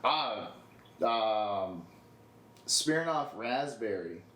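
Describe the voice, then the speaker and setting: A man's voice: fairly low pitch, lively intonation, drawn-out words, fairly bright tone, echoey room. A young man co-hosting a podcast in casual chat, laid-back and profane, drawing out his stories. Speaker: podcast co-host.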